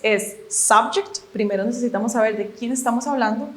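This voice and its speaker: A fairly high-voiced woman, a native Spanish speaker, leads a video lesson on English grammar. She moves through the rules patiently, one step at a time, and keeps checking that her students follow. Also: brisk, a bit bright. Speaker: English teacher.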